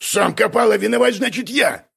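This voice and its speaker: A gravelly, husky male crook, scheming and boastful, who answers everything with calm smugness, as a man reads him in an audiobook. His voice sits fairly high and swings about lively. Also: a little fast, full character voice. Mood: indignant. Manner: smug, unflappable. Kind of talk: audiobook character voice.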